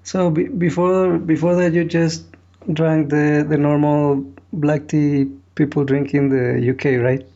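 A man hosting a casual podcast interview, asking simple questions in a halting way. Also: a little high, little pitch movement, warm tone. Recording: dull, lo-fi podcast sound.

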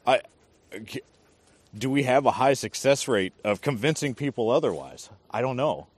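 A man's voice: mid-range voice, expressive, moderate pace, dry recording. A man who served as an army drill sergeant, talking casually and hesitantly, thinking aloud as he speaks. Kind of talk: casual conversation.

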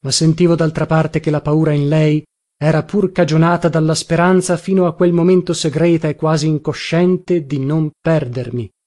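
A man reading a literary novel aloud in a measured, unhurried manner. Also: fairly high pitch, steady tone, a little mellow. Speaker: audiobook narrator. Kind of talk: scripted literary narration.

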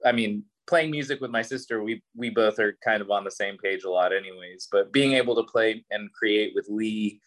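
A man's voice: on the low side, normal speed, hardly any pauses. A man from Puerto Rico, a musician guest, talking loosely with many fillers over a video call. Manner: relaxed, rambling, many fillers.

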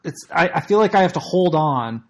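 Man, podcast co-host, husky voice, excitable, emphatic, casual chat, remote call. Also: a little high, brisk. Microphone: remote call connection.

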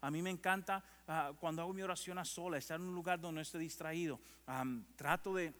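Man, pastor, sermon, fairly high voice, conversational then animated, long reverberant hall. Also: fairly quick. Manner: animated preaching, rising loud when quoting scripture; conversational, asks the congregation if they are with him.

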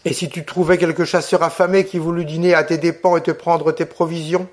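A man voicing a young officer in an audiobook reading, with firm, measured questioning. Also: a little high, level tone, natural voice. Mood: gentle. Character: young officer, stern then gentle.

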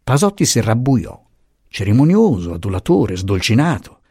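A man narrating a classic novel as an audiobook, measured and expressive, recorded close on a studio mic. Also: medium pitch, husky, no echo.

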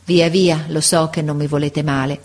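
A woman's voice: deep voice, little pitch movement, normal speed. Woman reading as a tender, ailing old teacher. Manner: tender, sighing, encouraging. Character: sick old male schoolteacher, affectionate and weary.

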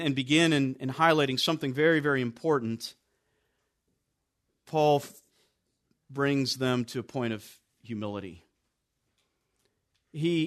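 High-voiced man preaching emphatically. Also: a bit bright. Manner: earnest, emphatic, repeats key phrases, frequent small restarts. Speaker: pastor. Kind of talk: sermon.

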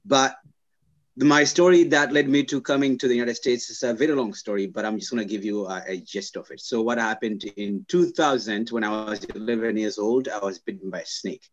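A man from Zimbabwe, a scientist and guest, telling his life story in casual interview talk, pausing often with fillers and restarts. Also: fairly low pitch, fairly even intonation, highs cut off. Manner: halting, many "uh" fillers and restarts.

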